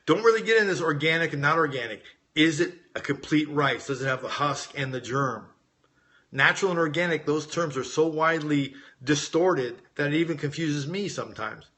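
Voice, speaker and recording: A middle-aged American man, raised in Las Vegas, works as a weight-loss coach and hosts a live Q&A. His voice sits a little high, moves at a normal speed, and has a sharp tone. In a casual live-stream chat he reads viewer questions aloud and answers them informally, talking straight to his audience in a conversational way.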